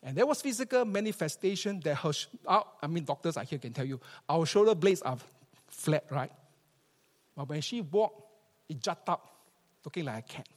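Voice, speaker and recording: Preaching in a spacious, reverberant church hall, a Singaporean-accented pastor speaks at normal speed in an animated voice on the high side. His sermon combines scripture reading and storytelling, delivered emphatically with repeated phrases for effect.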